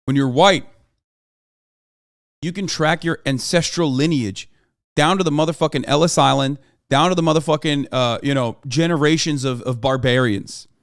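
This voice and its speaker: In studio-quality, dry audio, a Turkish man with a fairly high pitch and clean tone talks at normal speed during a livestream. He presses his point on chat emphatically, swearing for emphasis and frequently asking "okay?".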